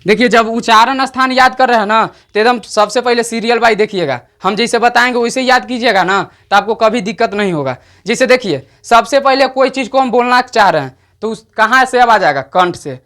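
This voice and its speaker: Man teaching, slow dictating checks. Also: very high-pitched, pushed and bright. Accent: Bihari. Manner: repeats "samjhe na?" checks, slows to dictate definitions. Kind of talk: online exam-prep lesson.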